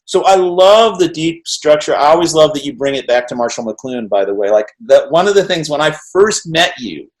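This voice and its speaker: Hosting an interview over a video call, a middle-aged man with a fairly high voice keeps things animated and casual. He rambles in quick bursts, laughs, and throws in "right?" to keep his guest with him.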